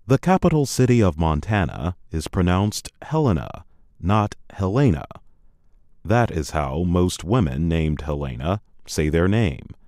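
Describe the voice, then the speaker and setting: A man hosting a scripted educational program, speaking in a measured way and enunciating carefully for learners. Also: sits low, darkish tone, dry recording. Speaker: program host. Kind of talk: slow scripted educational narration. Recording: dry studio voice-over with faint music.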